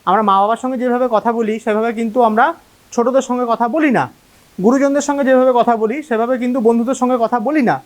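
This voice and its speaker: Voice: medium pitch, steady tone, fast talker. A teacher from gives an online class lecture. The teacher explains step by step, asks checking questions, and acts out how students talk. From Malda, West Bengal. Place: local cable TV class recording.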